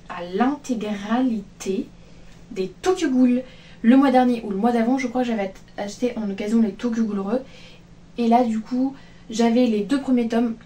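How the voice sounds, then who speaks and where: A woman's voice: mid-range voice, mellow. Woman, casual vlog chat, rambling, filler-heavy, a bit distant from a phone mic, faint background noise. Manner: chatty, rambling with many fillers and restarts. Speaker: manga vlogger. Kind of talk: casual book haul chat.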